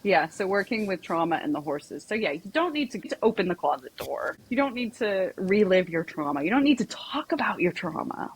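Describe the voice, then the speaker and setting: A woman's voice: medium pitch, sing-song, fairly quick, few pauses, slightly rough, poor audio. A woman psychotherapist and equine coach, talking as a podcast guest in a chatty storytelling way, full of "like" and "you know". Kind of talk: casual podcast conversation.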